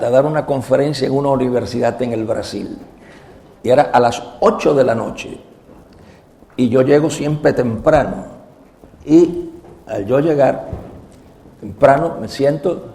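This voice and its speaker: A man's voice: mid-range voice, creaky, dark tone. A man, a visiting professor, giving a doctrinal lecture to a live audience, telling humorous personal stories and acting out both sides of remembered conversations. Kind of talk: lecture told through personal anecdotes.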